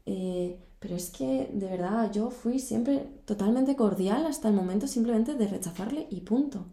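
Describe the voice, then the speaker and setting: In an echoey room, a young woman guest recounts her backpacking trips during a casual storytelling conversation. Her warm, mid-range voice moves at a moderate pace, and she speaks earnestly and emphatically, repeating words to stress them.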